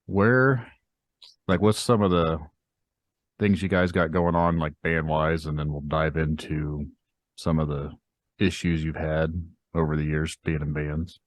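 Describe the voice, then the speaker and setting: A man with a very deep voice hosts a casual interview podcast. He asks loose, friendly questions and chuckles along with his guests. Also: steady tone, unhurried, dry recording. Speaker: podcast host.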